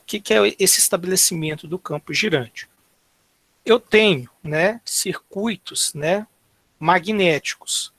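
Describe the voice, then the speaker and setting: A man from Brazil giving an online university engineering lecture, halting and filling nearly every phrase with tags and restarts. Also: high voice, bright, forceful tone, no echo.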